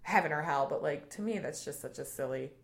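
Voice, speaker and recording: A young adult woman comedian in a casual interview. She tells stories in an animated way, laughs often and swears now and then. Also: sits low, brisk, gravelly. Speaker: comedian, guest.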